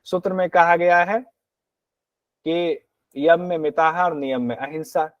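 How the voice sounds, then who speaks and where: A male yoga teacher giving an exam-prep lecture, reciting Sanskrit verses slowly and then explaining them in plain words, often asking and answering his own questions. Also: on the high side, no echo, muffled recording.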